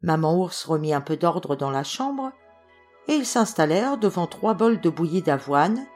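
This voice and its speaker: A woman reading a fairy tale aloud as an audiobook, expressive storytelling. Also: on the low side, moderate pace, faint music behind. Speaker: audiobook reader.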